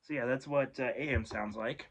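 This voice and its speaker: Hosting a radio hobby video series, a man gives a casual, informal explainer, rambling offhandedly and often correcting himself. His voice is medium-pitched and creaky at a normal speed, and the recording is very noisy.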